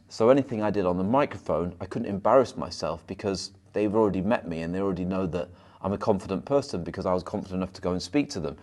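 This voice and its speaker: A man, a hypnotherapist, talking to camera with self-help advice. He rushes his words and sometimes stumbles or repeats them. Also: fairly low pitch, darkish tone. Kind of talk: motivational advice monologue to camera.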